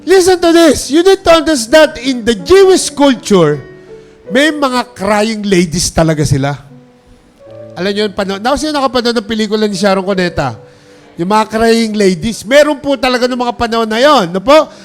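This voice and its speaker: A man's voice: very high-pitched, animated, moderate pace, faint music behind. A pastor preaching a sermon, calling out to the congregation and mixing English phrases into his talk. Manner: preaching with call-and-response, urging applause.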